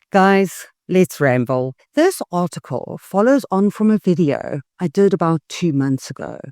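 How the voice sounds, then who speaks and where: Youtuber going off about politics, kinda mellow dark voice, dry no-echo sound, really stresses words. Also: medium pitch, lively intonation, takes it slowly. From South Africa. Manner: emphatic and scathing, leans hard on key words. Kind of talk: opinionated political commentary vlog.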